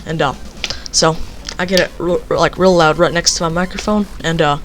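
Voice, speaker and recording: With faint music behind, a young speaker tells a loose, wandering story, talking a little fast in a medium-pitched, somewhat bright voice with fairly even intonation. The telling leans on repeated fillers such as "you know" and "basically."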